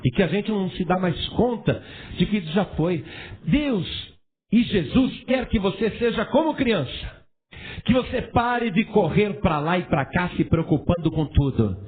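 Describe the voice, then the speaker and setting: A man preaching a sermon as a pastor, animated and asking his congregation rhetorical questions. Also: high voice, a little hiss or hum. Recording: tinny phone-like sound.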